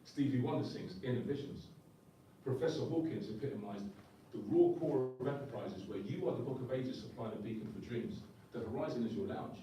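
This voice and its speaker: A man's voice: mid-range voice, expressive, brisk, music in the background. A man performing slam poetry live, with a rhythmic, emphatic spoken-word delivery. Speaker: poet. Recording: echoey room, distant mic, faint ambience.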